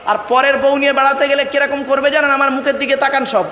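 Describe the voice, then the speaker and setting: Man preaching a waz, super high bright voice, repeats himself a lot, big roomy hall sound. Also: little pitch movement, a little hiss or hum. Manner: declamatory, repeats phrases, addresses listeners as "baba"; chants Arabic verses slowly. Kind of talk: Bengali waz sermon to a gathered audience.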